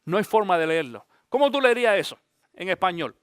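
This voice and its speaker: A man, a pastor, giving an animated Bible teaching, often asking his listeners direct questions. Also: sits high, a little fast, clean tone, no echo, clean studio sound.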